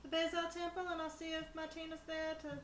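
A woman's voice: very high voice, completely flat delivery, quick pace. A woman chatting casually as a player in a tabletop game. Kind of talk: casual chat. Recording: roomy sound with faint noise.

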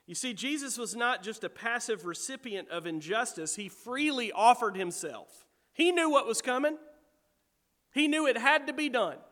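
Bright high-voiced man preaching a sermon. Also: normal speed, big-room sound. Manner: emphatic, asks the congregation rhetorical questions. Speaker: pastor.

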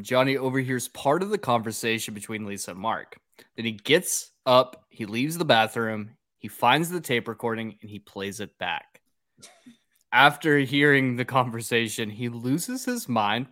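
A man's voice: medium pitch, fairly bright tone. A man co-hosting a podcast, gleefully narrating a bad film's plot in a crude, joking casual way. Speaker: podcast co-host. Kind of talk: casual comedic movie recap.

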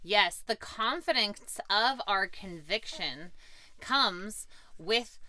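A woman co-hosting a casual faith podcast, chatty and quick to laugh, thinking aloud as she talks. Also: medium pitch, expressive, bright, forceful tone, dry recording. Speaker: podcast co-host.

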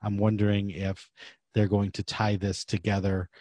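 Low, clear-voiced man hosting a podcast. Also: flat delivery, moderate pace, a little mellow, dry recording. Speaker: podcast host. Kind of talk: casual podcast talk.

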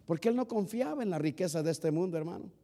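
A male pastor preaching a sermon, often calling the listeners "hermano" and swinging between loud emphasis and quieter stretches. The sermon comes from an older archived church recording. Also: high-pitched, animated, fast talker. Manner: preaching with rising and falling emphasis, repeating "hermano".

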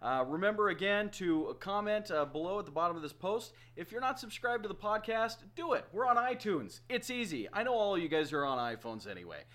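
A man with a fairly high voice hosts a casual podcast. He jokes, laughs often and pitches promos with eager hype. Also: animated, brisk, few pauses, fairly bright tone. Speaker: podcast host.

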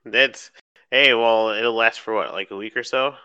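A man's voice: medium pitch, steady tone, moderate pace, pushed and bright, clean tone, no room sound, dull audio. A man co-hosting a casual chat, teasing the others in a hesitant way with ums and laughs. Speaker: podcast co-host.

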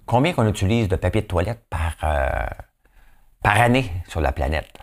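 A man with a Québécois accent talks through his podcast in a relaxed, joking way. His voice sits low but moves around constantly, rising and falling as he banters. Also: normal speed. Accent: Québécois French. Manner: playful, chatty, keeps asking "hein?". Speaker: podcast host. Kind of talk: casual commentary.

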